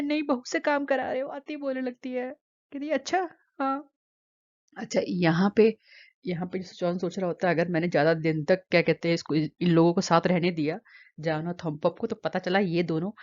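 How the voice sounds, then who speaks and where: Recap narrator, woman, lowish voice, hesitant with fillers and restarts, dull lo-fi recording. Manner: hesitant, many filler sounds and restarts, quotes the characters' lines in her own voice. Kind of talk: casual Hindi retelling of a drama episode.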